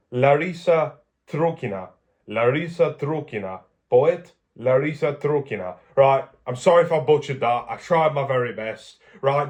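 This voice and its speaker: A man from England chats loosely to his camera, circling back and restating himself as he talks. His pitch sits right in the middle for a man, with an easygoing, rambling vlog delivery. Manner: rambling, chatty, self-correcting. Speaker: vlogger. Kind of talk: casual vlog talk.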